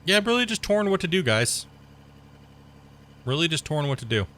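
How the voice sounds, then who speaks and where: This man speaks at a fairly high pitch and moderate pace as a gaming channel host, sick and losing his voice. Talking casually over his own gameplay, he rambles, explains terms, and gets excitedly loud at mishaps.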